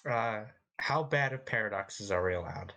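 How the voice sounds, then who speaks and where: A woman playing a tabletop game, talking in an animated way and stumbling through her lines in character. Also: very deep voice, moderate pace, creaky. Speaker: player.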